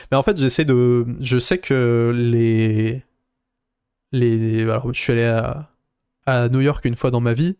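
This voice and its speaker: A man chatting casually on a live stream, recapping his tournament run in a rambling, animated way and answering viewer chat. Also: mid-range voice, clean tone, dry recording, studio quality. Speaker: card game player recapping a tournament.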